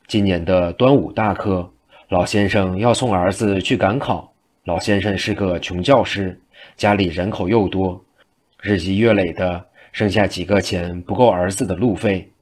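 Deep-voiced male storyteller. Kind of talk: traditional Chinese storytelling.

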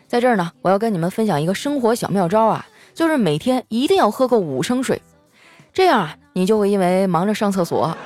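Animated young woman telling comic stories. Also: mid-range voice, dry recording. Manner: chatty, playful, animated. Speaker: host. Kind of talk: comic storytelling podcast. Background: soft background music.

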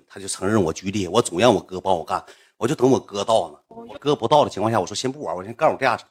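A man's voice: fairly low pitch, breathy edge. A young man with a Northeastern Chinese accent telling a rambling, slangy story to his stream audience from home. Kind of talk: casual storytelling livestream.

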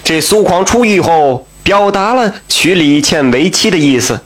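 A man's voice: sits high, lively intonation, a little slow. A man telling a folk tale in a chatty, colloquial way, with asides and exclamations. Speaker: storyteller.

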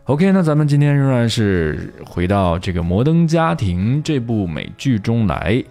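A man's voice: medium pitch, big pitch swings, measured pace, dark tone, soft background music. A man teaching English in a casual online lesson, chatty and self-correcting with many fillers.

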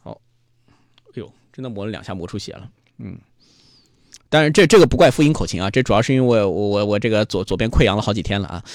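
A man's voice: fairly low pitch, lively intonation, quick pace, long pauses, no room sound, studio quality. A man hosting a live-streamed music talk show, explaining in a chatty way with fillers and restarts. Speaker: host.

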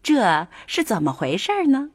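A woman gently introducing a children's story. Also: mid-range voice, huge pitch swings, measured pace. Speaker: story host.

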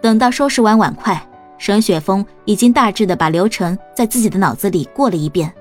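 A woman narrating a storybook in a calm, even reading voice. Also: medium pitch, a little fast, soft background music. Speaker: audiobook narrator.

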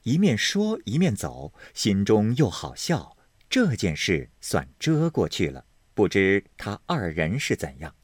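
A man's voice: low-pitched, huge pitch swings, slow, slightly rough, no room sound, clean studio sound. A man narrating a classic novel expressively, voicing every character himself. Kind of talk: storytelling reading of a classic novel.

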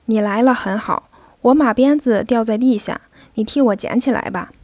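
A woman's voice: fairly high pitch, moderate pace, darkish tone, no room sound, lightly acted. A woman voicing a carefree young rich man who teases his servant, in a storybook reading. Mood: teasing. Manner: playful, teasing. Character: young wealthy playboy man, teasing and carefree.

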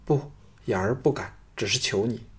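A man's voice: fairly low pitch, a little slow, husky, heavily acted. A man voicing a lovesick young noblewoman who begs and pleads breathlessly. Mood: pleading. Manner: breathless, imploring.

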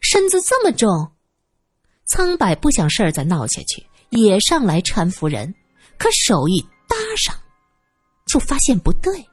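A woman's voice: medium pitch, huge pitch swings, moderate pace, husky, no room sound. A woman narrating a story, reading expressively and acting out the scenes. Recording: dry close voice with faint music.

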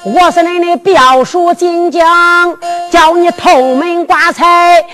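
A scheming old father in a Chinese drum-ballad tale, speaking in a deliberately slow, deep drawl with a Henan accent, voiced by a woman. His lines sweep across a wide pitch range, and they ring out in a reverberant hall with music behind. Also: very animated. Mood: scheming, instructing. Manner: drawn-out, deep, deliberate elder's speech.

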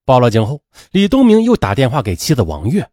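A man's voice: mid-range voice, wildly swooping pitch, brisk, warm tone, no room sound, studio quality. A man narrating a true-crime story dramatically and emphatically.

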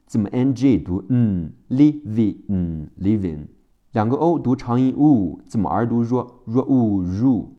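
A man teaching English vocabulary in a phonics lesson, spelling each word letter by letter and repeating it slowly. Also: mid-range voice, lo-fi sound.

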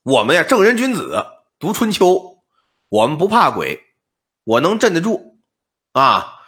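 A man's voice: a little high, sing-song, measured pace, sharp tone, exaggerated voice. A man voicing a bold young male scholar in a told story, boasting with a playful swagger. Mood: boastful.

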